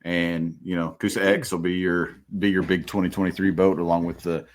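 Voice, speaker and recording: Deep-voiced relaxed man hosting. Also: brisk. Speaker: podcast host. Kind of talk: casual chat.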